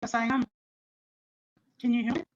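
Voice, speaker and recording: A woman running for office, heard through a choppy, low-sample-rate video call, who keeps checking whether she can be heard. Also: little pitch movement, normal speed, no echo. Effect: low sample rate, choppy call audio. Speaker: political candidate. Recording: dull lo-fi call audio.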